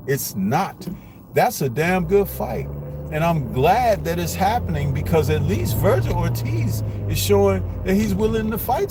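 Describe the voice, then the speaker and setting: A man hosting a live boxing commentary stream, blunt and rambling, with lots of rhetorical questions. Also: fairly high pitch. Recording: noisy live stream with street and car noise.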